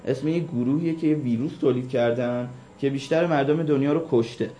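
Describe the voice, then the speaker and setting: Mellow-voiced joking male radio co-host. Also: mid-range voice. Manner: teasing, joking. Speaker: radio show co-host recommending series. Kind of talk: casual radio banter.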